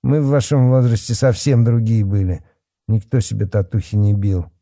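A man voicing a fat, pompous rural policeman who sneers and shouts at teenagers. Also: fairly low pitch, flat delivery, moderate pace, no room sound, studio quality, pitched above the performer's own voice. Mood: sneering. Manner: blustering, scornful, shouting.

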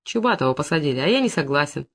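Brief: reader plays decent weary captain, low-key, glum. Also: male voice, racing, heavily acted. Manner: calm, restrained, glum. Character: weary, decent police captain, middle-aged.

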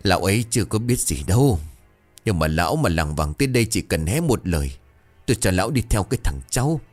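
A harsh, snapping middle-aged father in a spoken horror tale, as a male narrator puts him on. His low voice lurches up and down as he barks short orders, with soft music running underneath. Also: sing-song, normal speed.

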